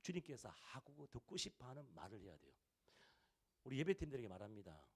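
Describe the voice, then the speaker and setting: A man's voice: mid-range voice, big pitch swings, fairly quick, husky. Emphatic Korean male pastor preaching. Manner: repetitive, emphatic preaching with rising and falling volume. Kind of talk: sermon. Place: church service hall.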